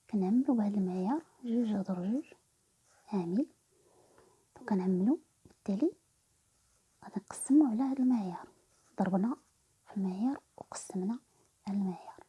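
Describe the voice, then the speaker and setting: A woman's voice: medium pitch, mellow, a little hiss or hum, poor audio. A woman with a Moroccan Arabic accent, whispering a math lesson and explaining each step in turn. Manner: whispers nearly every line, explaining step by step. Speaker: math teacher.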